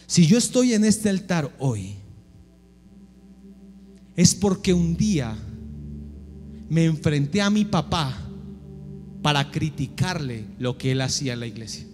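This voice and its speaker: A man's voice: a little high, big pitch swings, unhurried, long pauses, a little mellow. A man preaching a sermon in a church, pressing his listeners with repeated rhetorical questions. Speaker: pastor. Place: church sanctuary. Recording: echoey church hall with music.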